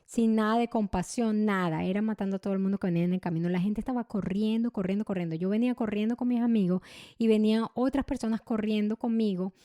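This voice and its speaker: A young adult woman hosting a podcast, telling a personal story in an emotional, halting way with many restarts and repeated words. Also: medium pitch, mellow, dry recording, studio quality. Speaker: podcast host.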